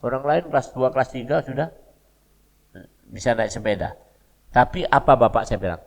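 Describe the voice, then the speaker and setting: An older man with a Palembang Malay accent gives a Sunday mosque lecture, mid-pitched and chatty, slipping into local dialect as he tells stories. His voice carries a long reverb from the mosque hall. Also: lively intonation, normal speed. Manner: conversational storytelling with local dialect asides. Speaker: preacher.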